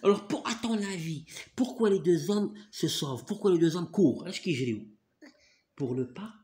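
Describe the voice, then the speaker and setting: During a reading lesson recorded in an echoey room, a Moroccan-accented man coaxes a child along, repeating words to drill them. His voice leans high, mellow, animated, and brisk.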